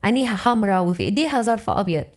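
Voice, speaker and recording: A woman's voice: mid-range voice, animated, racing. A woman with an Egyptian accent narrating a dramatic first-person story in an emotional, intimate way. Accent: Egyptian Arabic.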